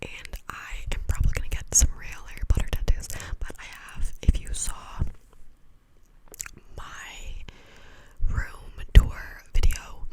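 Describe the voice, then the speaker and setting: A young adult woman in a breathy, clicky, fast ASMR whisper close to the microphone, rambling casually and repeating words and phrases. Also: poor audio. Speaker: ASMR video host.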